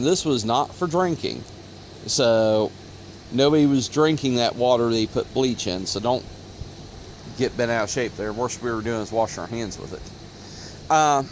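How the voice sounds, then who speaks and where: A man's voice: medium pitch, a little hiss or hum. A man from Ohio, talking casually to his phone camera outdoors, rambling with many fillers and corrections. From Ohio, USA. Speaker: auto parts video host. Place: outdoors in sunlight. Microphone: phone recording.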